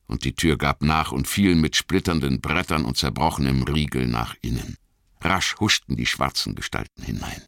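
A man narrating a fantasy audiobook with dramatic, expressive storytelling, recorded close to a studio mic. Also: rumbling low, dry recording.

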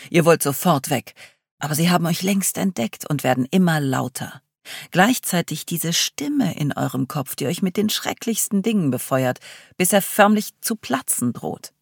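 A reader voicing Paul, a thoughtful group guide who leads slow imagery in an audiobook. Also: medium pitch, creaky, no room sound, clean studio sound. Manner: slow, guiding, evocative. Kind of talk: audiobook reading.

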